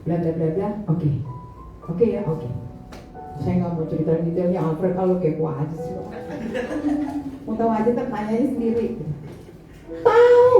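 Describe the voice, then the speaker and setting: A woman's voice: medium pitch, warm tone. A middle-aged woman pastor giving a chatty, playful sermon in a church, teasing the congregation. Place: large church hall. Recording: echoey hall, distant mic, dull sound with music. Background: music.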